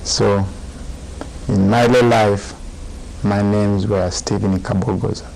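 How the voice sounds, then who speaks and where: A man in his forties from Uganda, a Buddhist monk giving a calm, deliberate dharma talk in short phrases. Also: lowish voice, gravelly, slight background noise, poor audio. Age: 40s. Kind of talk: slow, measured dharma talk.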